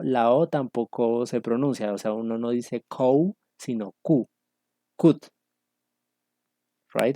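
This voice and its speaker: A man's voice: mid-range voice, mellow, no echo, clean studio sound. A man teaching an English class online, explaining patiently with many fillers.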